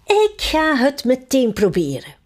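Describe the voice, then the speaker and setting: A woman's voice: wildly swooping pitch, measured pace, a little mellow, exaggerated voice. A woman reading a storybook aloud and voicing a cheerful, giggling queen who wants to quarrel. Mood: gleeful. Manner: very high, gleeful and giggling.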